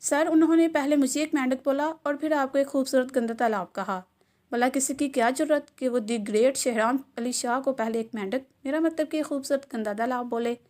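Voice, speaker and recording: A woman's voice: high-pitched, normal speed, a little mellow, lightly acted. A woman voicing a nervous young male assistant who stammers and flusters before his boss. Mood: flustered.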